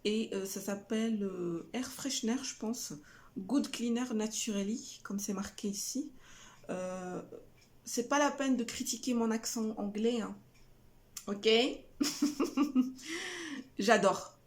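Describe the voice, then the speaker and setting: A woman's voice: medium pitch, steady tone, measured pace. A middle-aged woman casually chatting about her shopping haul, hesitant with many fillers and restarts. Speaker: family vlogger showing a shopping haul. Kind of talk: casual haul chat to camera.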